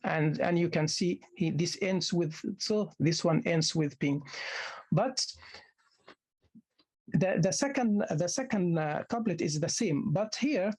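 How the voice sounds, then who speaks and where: A man, a native Arabic speaker, lecturing postgraduate students in a halting way, often restarting and repeating words as he explains. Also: high-pitched, darkish tone, slightly rough. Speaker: university lecturer. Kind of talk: academic lecture.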